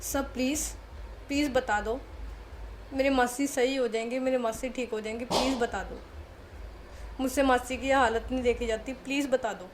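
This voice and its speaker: A woman's voice: high-pitched, moderate pace, pauses often, slight background noise, natural voice. A woman doing a tearful pleading young niece. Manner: urgent, pleading, close to tears.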